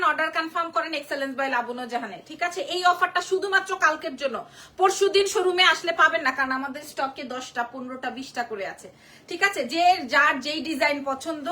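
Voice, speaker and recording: A woman selling dresses on a live stream, excited, repeating herself and exclaiming over each piece, her throat sore. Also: high-pitched, normal speed. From Bangladesh. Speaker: clothing seller on a live sale. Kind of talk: live sales pitch.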